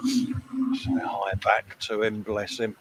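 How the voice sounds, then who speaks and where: A man's voice: lowish voice, slow pace, noisy background. A man hosting a casual live stream, teasing a friend and reading out viewer comments. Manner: teasing and chuckling, relaxed.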